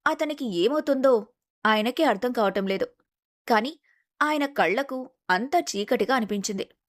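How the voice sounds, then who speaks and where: A woman narrating a scripted family drama in a steady storytelling manner. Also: fairly high pitch, normal speed.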